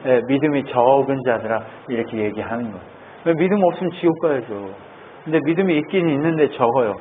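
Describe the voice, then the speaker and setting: Man preaching, lively, animated swings in pitch, tinny phone-like sound, faint noise. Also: fast. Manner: lively, keeps asking the congregation questions. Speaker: pastor. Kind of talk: sermon.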